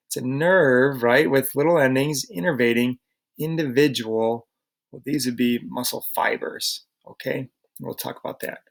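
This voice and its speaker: Casual gravelly male lecturer. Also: mid-range voice. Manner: casual, chatty, asks rhetorical questions. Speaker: teacher. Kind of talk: recorded slide lecture.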